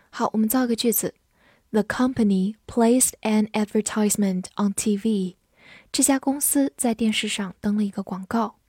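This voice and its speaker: A woman giving a vocabulary lesson, spelling words out letter by letter and reading example sentences slowly, Chinese as her first language. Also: medium pitch, darkish tone, husky, no room sound, studio quality. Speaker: English teacher.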